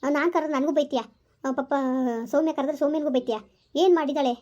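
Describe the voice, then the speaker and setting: A fast-talking man playing a calm, reassuring son, in a homemade family drama who keeps the peace at home. He soothes and coaxes, ending lines with 'okay?'. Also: very high-pitched, muffled recording. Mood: coaxing. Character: calm grown son, peacemaker between mother and wife. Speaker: village skit actor.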